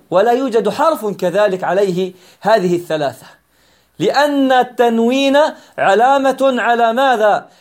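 A man teaching an Arabic grammar lesson, patiently repeating key points and asking and answering his own questions. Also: extremely high pitch.

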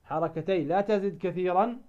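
A man teaching Quran recitation rules, asking his listeners questions and answering them himself, and drawing out example words slowly. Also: high-pitched, phone-quality sound. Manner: slows down to stretch example words. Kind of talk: tajweed lesson.

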